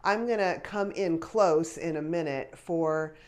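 Her voice is low, a bit slow, and somewhat mellow, with a touch of stuffiness from congestion. She's a woman in her fifties and a fashion try-on vlogger, chatting casually as she unboxes and tries on clothes, thinking aloud with little laughs, picked up by a clip-on lapel mic in a small pink bedroom.

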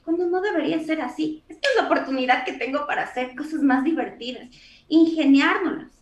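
A woman's voice: sits high, brisk, a little hiss or hum. A woman psychologist, explaining patiently in an interview and acting out what parents say. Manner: warm, explanatory, acts out parent voices. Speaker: psychologist guest. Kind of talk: expert interview talk. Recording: echoey room, distant mic.

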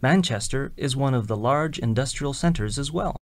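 A man's voice: mid-range voice, lively intonation, normal speed, dry recording. A man reading scripted lines and instructions for a listening exercise, enunciating carefully and spelling out names. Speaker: exam recording reader.

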